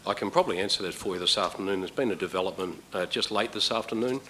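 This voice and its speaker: A man chairing a council meeting as mayor, answering questions in a measured, hesitant way with many fillers. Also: sits low, sharp tone, a little hiss or hum.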